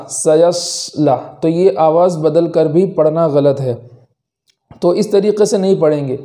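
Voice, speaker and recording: A man teaching Quran recitation rules, explaining step by step and then slowly reciting each word as a model. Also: fairly high pitch, mellow. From India. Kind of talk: tajweed lesson with recited examples.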